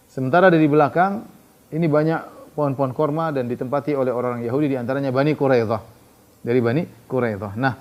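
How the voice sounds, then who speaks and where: A man's voice: on the high side, a little mellow. Storytelling male preacher, muffled lecture audio. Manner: storytelling, reads Arabic then translates. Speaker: Islamic teacher. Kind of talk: sermon-style history lesson. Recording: slightly muffled lecture recording.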